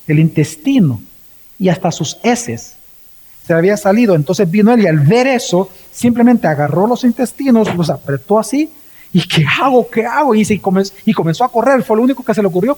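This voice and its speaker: A Salvadoran pastor preaches in a fairly high, mellow voice, leaping up and dropping low as he acts out the people in his story. His words ring out with the long reverb of a church hall. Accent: Salvadoran Spanish. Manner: storytelling with acted quotes and swings in pitch. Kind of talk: sermon.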